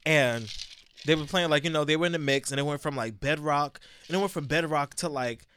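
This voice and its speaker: A man's voice: on the high side, a little fast, fairly bright tone, slight background noise. A man bantering casually as a podcast co-host.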